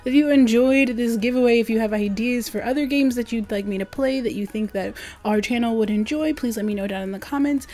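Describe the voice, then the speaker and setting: A woman's voice: a little high, brisk, hardly any pauses, dark tone. A woman hosting a gaming channel, making a hyped, gushing, informal giveaway announcement to her viewers.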